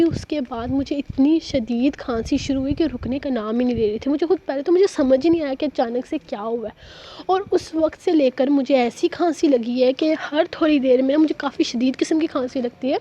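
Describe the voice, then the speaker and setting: Young woman chatting then reading a novel, coughing a bit, high mellow voice, muffled with a faint hum. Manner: chatty, rambling, informal. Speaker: novel reader and YouTube host. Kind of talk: chatty vlog intro and story reading.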